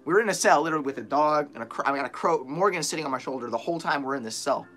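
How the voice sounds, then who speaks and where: A young man vlogging from a small bare room, animated and profane as he retells a tense story to a close camera. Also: fairly high pitch, rapid-fire, faint music behind.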